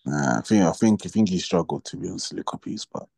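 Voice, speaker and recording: A man's voice: low-pitched, animated, fast, vocal fry, warm tone, no echo. A young man with a London roadman accent chatting casually about football in slangy, sweary banter. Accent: London, urban roadman slang. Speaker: football podcast co-host.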